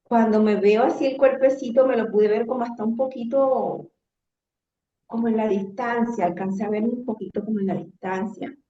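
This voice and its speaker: A woman with a Caribbean Spanish accent tells a personal story conversationally, in halting phrases with some repetition. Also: a little high, fairly even intonation, dark tone, slight background noise. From Caribbean coast of Latin America. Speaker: guest telling a personal testimony. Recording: roomy echo, slightly dull sound.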